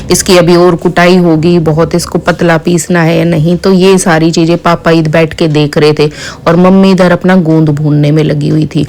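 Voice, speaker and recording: Lady vlogger talking to her viewers while she cooks, a bit low voiced, just chatting along. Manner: chatty, explains as she works, addresses viewers as guys. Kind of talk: casual chat to camera. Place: home, outdoor cooking spot.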